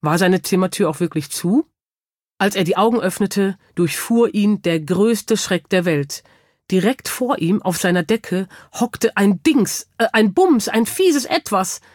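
A woman narrating a children's audiobook with lively, expressive storytelling. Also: mid-range voice, a little slow, dry recording, studio quality.

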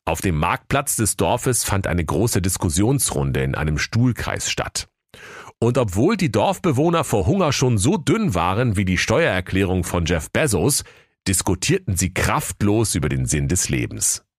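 A man with a very deep voice reads a comic fairy tale with playful, theatrical flair. His voice swoops widely across its range. The sound is dry and close. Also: very animated, normal speed, dry recording. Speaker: narrator.

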